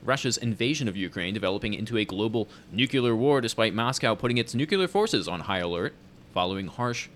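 A man's voice: on the low side, animated, a little fast, a bit bright, slight background noise. A man co-hosting a casual chat, reading news headlines aloud and adding wry joking asides.

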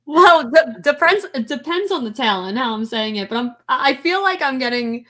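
A woman podcast host with a high, bright, forward voice and a Delco accent from the Philadelphia area. She chats casually and bluntly, with an informal joking streak. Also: expressive, normal speed.

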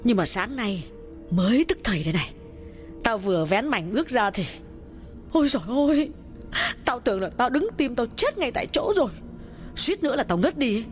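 A man voicing a frightened middle-aged village mistress who speaks in a shaky, hushed way to her servant. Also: very high voice, big pitch swings, moderate pace, faint music behind, pitched above the performer's own voice. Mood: terrified.

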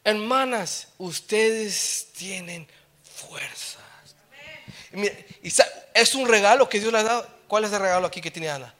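Bright, high-voiced joking preacher man. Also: a little slow. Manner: switches between Spanish and English, joking asides; swells to loud, emphatic exhortation. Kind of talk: sermon.

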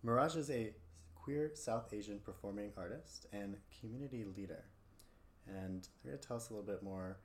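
A man with a lowish voice hosts a conversational interview podcast at a normal pace, working out his questions as he asks the guest. The recording has a roomy echo and background room noise.

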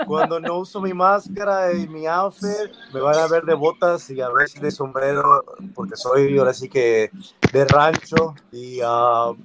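A Mexican man talking as a guest in a casual conversation, relaxed and laughing between phrases. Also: fairly high pitch, unhurried, crowd noise.

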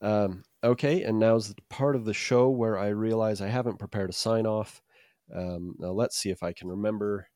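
A man with a low voice chats casually as a podcast host. He rambles and hesitates, gently mocking himself. The sound is dry, with very little room in it. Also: fairly even intonation, normal speed, no room sound. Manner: hesitant, rambling, self-deprecating. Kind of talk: casual chat.

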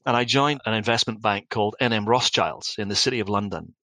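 A man's voice: on the low side, a little fast, bright, forceful tone, dry recording, rough recording. Reflective middle-aged Scottish man. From Scotland. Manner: wry, reflective and anecdotal, with frequent restarts. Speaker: business founder guest. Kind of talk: reflective interview storytelling.

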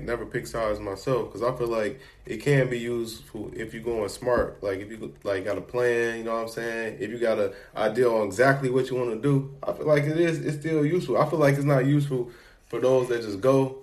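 A man's voice: medium pitch, darkish tone. A young man hosting a casual podcast conversation, loose and slangy, swearing freely as he talks. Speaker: podcast host.

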